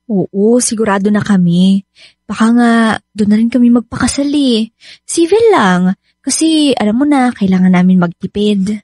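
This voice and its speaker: In radio drama style, a woman with a Filipino accent plays an excited, loving young bride-to-be teasing her friend, her delivery casual, expressive and lightly acted with an assured mood. She speaks at medium pitch and moderate pace in clean studio sound with no room sound.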